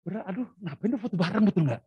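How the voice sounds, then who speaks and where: A man preaching a storytelling sermon as a pastor over a video call, animated and often laughing. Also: high voice, very fast, a crowd in the background. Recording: dull lo-fi video-call audio with faint music.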